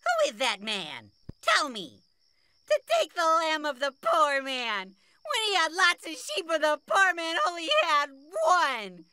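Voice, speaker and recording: A man's voice: sits high, expressive, slow, slight background noise, heavily acted. A man voicing a childish, selfish cucumber king in a cartoon musical story, dramatic and goofy. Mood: indignant. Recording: loud music behind the voice. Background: loud children's music.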